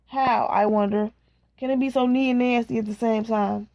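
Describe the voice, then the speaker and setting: A woman reading a novel aloud in a slow, measured way, stopping now and then to chat casually. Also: a little high, fairly even intonation, darkish tone, dry recording. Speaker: reader.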